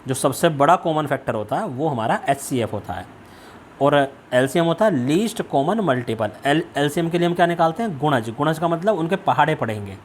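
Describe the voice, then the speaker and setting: A man's voice: mid-range voice, slight background noise. A male maths teacher going through a worksheet step by step, asking questions and answering them himself. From India. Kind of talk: worksheet lesson.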